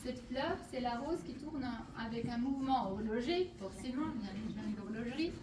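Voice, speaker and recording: In an exhibition hall, a Portuguese woman presents her paintings to visitors on a guided walkthrough, speaking hesitantly with lots of fillers and restarts. Her pitch is fairly high and her pace moderate, there's background noise, and the mic is far away in a roomy hall.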